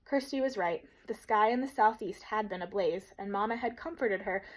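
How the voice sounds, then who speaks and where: A woman teacher reading a children's novel aloud in a steady, gentle storytelling manner. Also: medium pitch, normal speed, low-quality recording.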